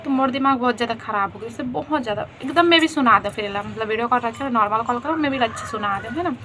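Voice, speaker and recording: A young woman with a Chhattisgarhi accent tells her own story to her viewers and keeps calling them friends as she goes. Her voice sits a little high. A faint hiss runs under the recording. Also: fast talker. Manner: chatty, addresses viewers as friends. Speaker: vlogger. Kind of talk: casual storytelling.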